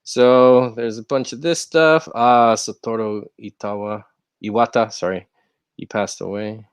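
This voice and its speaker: In a casual livestream chat from a rented room at home, a young American host rambles along, easygoing and slangy. His voice is medium-pitched, steady and unhurried, with a clean tone and no room sound.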